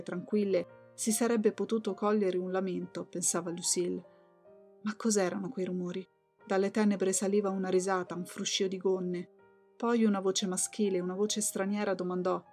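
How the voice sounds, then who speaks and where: A woman narrating a literary audiobook in a calm, measured way. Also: mid-range voice.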